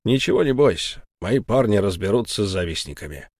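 A man's voice: on the low side, animated, a little mellow, no echo. A man doing a stern, curt burgomaster. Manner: slow, dry and curt. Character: stern, calculating middle-aged male burgomaster.

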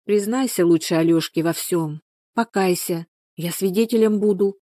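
A practical village woman speaks briskly, with worried concern and coaxing advice, as a woman reader puts her on. The voice is warm and slightly raised, dry and close to the mic. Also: lowish voice, no echo, close to an everyday voice.

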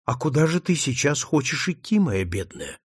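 A man reading the part of a kind, gentle woman, speaking softly and soothingly. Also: medium pitch, very animated, moderate pace, breathy edge, dry recording, studio quality. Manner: soothing, tender.

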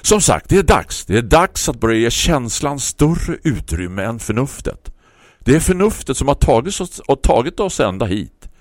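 A man voicing an excitable male neighbor who shouts urgently and preaches about a cause. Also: mid-range voice, no echo, studio quality, voice pushed up, close to an everyday voice. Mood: fervent.

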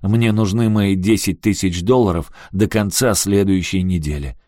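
A man reading an audiobook and voicing a jeering, menacing young male thug who taunts and shouts threats. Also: low voice, moderate pace, dry recording, studio quality, lightly acted. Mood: jeering, threatening.

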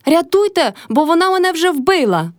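A woman's voice: sits high, big pitch swings, fairly quick, no room sound, studio quality, voice pushed up. A woman voicing a quarrelsome old peasant mother-in-law who screeches and wails in a storybook reading. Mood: wailing. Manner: screeching, wailing.

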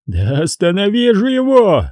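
A frantic crewman shrieks and pleads in a high, swooping voice, as a male audiobook reader puts him on. The tone is dark and husky, and the recording is dry and close. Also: sing-song, moderate pace, dry recording, full character voice. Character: panicked hysterical male submarine crewman.

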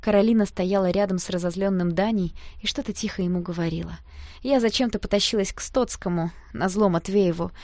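A woman narrating a first-person audiobook with a lively, expressive read. Her voice sits at a middle pitch and sounds close and dry, with no room around it. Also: brisk, no room sound.

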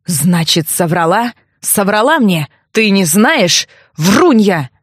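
A woman's voice: medium pitch, lively intonation, slow, no room sound, studio quality. A woman doing a snarling power-hungry young man. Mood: angry, snapping. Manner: gruff barking commands.

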